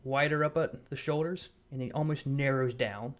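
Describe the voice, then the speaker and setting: A man running a tabletop game as game master, describing scenes in measured detail with small restarts, on a voice call. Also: mid-range voice, fairly even intonation.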